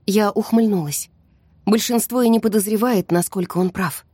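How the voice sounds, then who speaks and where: A woman narrating a fantasy audiobook in the first person, in a tense, hushed storytelling manner. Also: mid-range voice, normal speed, husky, no echo. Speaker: audiobook reader.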